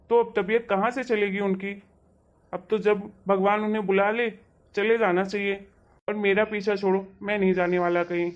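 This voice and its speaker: A woman's voice: medium pitch, lightly acted. A woman voicing a rude, stubborn grown son who snaps at his mother in a cartoon story. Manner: irritated, dismissive. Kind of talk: cartoon voice acting. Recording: dull lo-fi sound with faint music.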